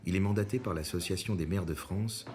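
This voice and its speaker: A man reading scripted documentary narration in a measured, composed way. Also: deep voice, a little mellow, a little hiss or hum.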